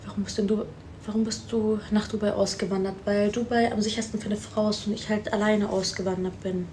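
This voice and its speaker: Speaking at mid pitch with a level, brisk, darkish tone, this woman of twenty-two, originally from Afghanistan, hosts a relaxed phone livestream indoors at home. She's chatty, flips between English and German, and reads out comments from viewers before replying. A faint hiss or hum comes through the close-held phone's front camera mic.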